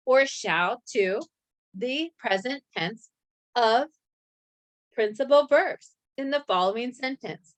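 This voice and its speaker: A woman's voice: a little high, a bit bright. Woman reading a grammar lesson. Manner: reads slowly and evenly, spelling out letters. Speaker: grammar instructor. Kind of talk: scripted lesson narration.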